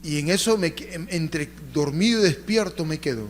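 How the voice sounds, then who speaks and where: Pastor, male, high voice; call-and-response sermon, hushed tellings broken by loud calls. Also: normal speed, a little hiss or hum. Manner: call-and-response preaching, asks congregation to repeat; swings between loud emphatic lines and hushed storytelling. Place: church.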